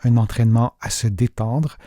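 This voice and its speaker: A man guiding a breathing exercise in a calm, soothing and deliberate way, with a soft, slightly husky voice and pauses between phrases. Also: medium pitch, dry recording, clean studio sound. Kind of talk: guided breathing meditation narration. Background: music.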